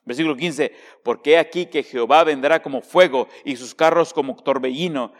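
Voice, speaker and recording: A man preaching a sermon as a pastor. He asks the congregation direct questions and swings between hushed, slow passages and raised, emphatic ones. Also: on the high side, long reverb tail.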